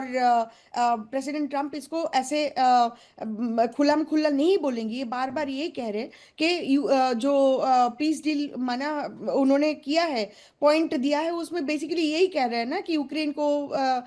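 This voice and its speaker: A woman with a high voice gives blunt opinions as a guest on a televised debate panel. She talks in halting bursts, often pausing before driving a point home. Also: a little mellow. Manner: outspoken, halting, with many hesitations.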